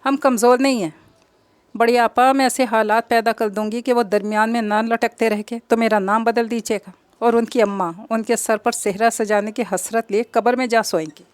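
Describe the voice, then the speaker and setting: A woman's voice: fairly high pitch, steady tone, normal speed, no room sound, close to an everyday voice. Determined young sister, firm and reassuring, voiced by a woman narrator, dry close mic.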